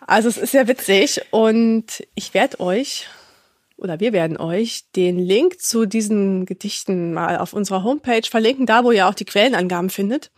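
Female podcast host, mid pitch, casual and amused, close dry mic. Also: no echo. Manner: chatty and amused, with frequent fillers.

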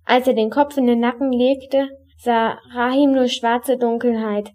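A woman reading a children's story aloud in a calm, even storytelling voice. Her pitch sits a little high. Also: a little slow. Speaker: reader.

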